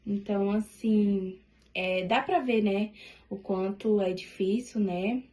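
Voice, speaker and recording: A woman's voice: mid-range voice, steady tone, slow, dark tone. A woman giving a class presentation, hesitant and full of tag fillers. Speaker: student presenter.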